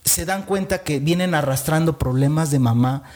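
A man with a Mexican accent hosting a conversational talk show, lively and acting out quoted voices, with fillers. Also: fairly high pitch, normal speed. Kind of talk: conversational interview.

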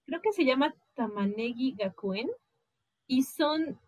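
A woman with a Mexican accent chatting casually as a podcast guest, animated and acting out quoted voices. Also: high voice, slow pace, dry recording.

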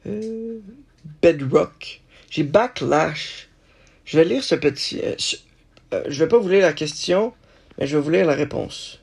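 Halting male podcast host, gravelly voice, slightly high. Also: lively intonation. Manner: halting, thinking aloud, many restarts. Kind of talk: solo podcast musing.

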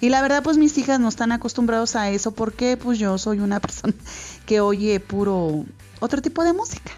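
A woman's voice: fairly high pitch, animated, a little fast, darkish tone, faint music behind. A woman with a Mexican accent hosting a radio show, talking casually and earnestly to parents, rambling with many fillers and restarts. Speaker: radio host. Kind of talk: casual radio monologue giving advice to parents. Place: radio studio.

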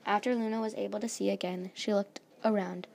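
A woman's voice: mid-range voice, steady tone, a little fast, gravelly, a little mellow. A woman reading her own fan story aloud in a plain, unpolished way. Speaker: story reader.

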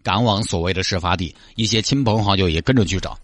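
A man with a Sichuan accent narrating a comic story in a brisk, matter-of-fact way. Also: low-pitched, dry recording, faint music behind.

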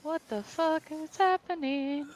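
A young woman reacting to a horror game in a casual, sweary, excitable way. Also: high-pitched, measured pace, slight background noise. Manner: jumpy, excitable, expressive. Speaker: gaming host playing a horror game.

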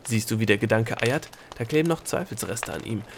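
A man voicing an excitable bald male gnome guide in a storybook reading, calling out eagerly in a raised voice. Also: lowish voice, a little fast, background noise. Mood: excited. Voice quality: hoarse laugh.

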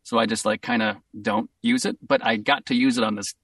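A man with a Boston accent talks as a guest in a casual interview, upbeat and quick to laugh. His voice is low and gravelly. The recording is dry, and he sits a little away from the mic. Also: very animated, a bit bright, no echo, far from the mic. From Boston, USA. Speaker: voice actor guest.

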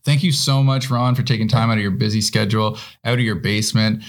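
A man hosting a casual podcast interview, friendly and encouraging with quick affirmations. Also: fairly low pitch, fairly even intonation. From Canada. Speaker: podcast host.

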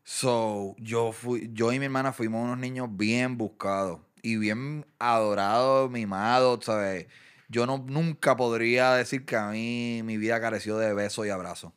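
A man's voice: medium pitch, fairly even intonation, unhurried, clear, resonant tone. A young Puerto Rican man, a podcast guest, talking in a laid-back, casual way. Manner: laid-back, peppers talk with "so" and "ajá". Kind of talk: casual conversation.

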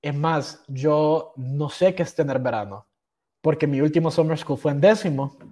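A man's voice: a little high, moderate pace, mellow. Slangy young Honduran man. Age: young adult. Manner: slangy, self-mocking, peppered with English words. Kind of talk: casual storytelling.

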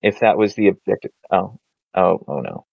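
A man's voice: sits low, sing-song, moderate pace, vocal fry, slightly rough, no room sound. A man chatting casually about video games over a video call, rambling with lots of filler words. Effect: heard over a video call. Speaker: podcast co-host. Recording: dull, lo-fi call audio.

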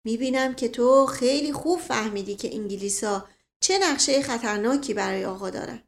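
Witty, scheming nobleman read by a woman; smooth, placating persuasion. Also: fairly high pitch, lightly acted. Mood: persuasive. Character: witty, sly middle-aged nobleman.

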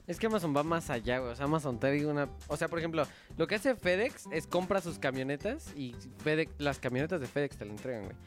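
A man's voice: on the high side, lively intonation, fast talker, few pauses, soft background music. A young man with a Mexican Spanish accent, chatting casually and telling stories animatedly, acting out other people's voices. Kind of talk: casual chat.

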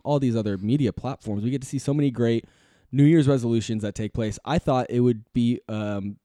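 A young man trades jokes on a casual podcast, laughing often and puffing himself up in mock seriousness. His voice is mellow and dark, recorded dry and close. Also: mid-range voice, dry recording. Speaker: podcast co-host.

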